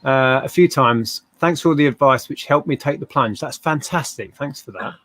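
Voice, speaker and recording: A man's voice: mid-range voice, normal speed, fairly bright tone, no room sound. A British man hosting a live stream in a casual, chatty style. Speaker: host.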